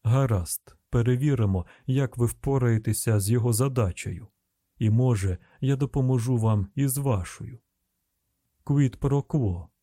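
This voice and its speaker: A man reading the lines of a cold, refined male psychiatrist, slow, measured and condescending. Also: medium pitch, dark tone, dry recording, studio quality, close to an everyday voice. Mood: coolly mocking.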